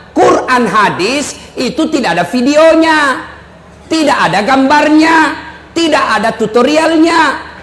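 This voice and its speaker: A male preacher giving a joking live sermon, shouting to stress his points. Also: very high voice, a little hiss or hum. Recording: echoey hall with faint audience ambience.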